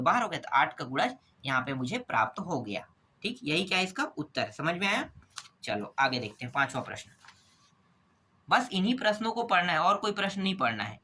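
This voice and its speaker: A man teaching maths and walking through exam problems step by step. He keeps posing quick questions and answering them himself, checking in with a repeated "okay?". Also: sits high, pushed and bright.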